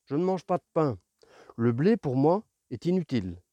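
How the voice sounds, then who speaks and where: A man's voice: fairly high pitch, very animated, warm tone, no echo. A man voicing a lonely, patient fox who talks earnestly and pleads for friendship. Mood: wistful. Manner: earnest, pleading, explains slowly.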